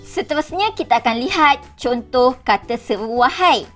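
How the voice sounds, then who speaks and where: A woman teacher with a Malaysian Malay accent, giving a clear, slow grammar lesson to young pupils. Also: sits high, soft background music. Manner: slow, clear teacherly delivery with lively rising exclamations. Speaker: primary school teacher. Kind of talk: recorded online grammar lesson.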